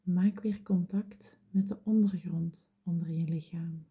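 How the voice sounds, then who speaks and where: Slow, whispering meditation guide, a woman. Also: on the low side, fairly even intonation, breathy edge, muffled recording. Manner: slow, soothing, gentle.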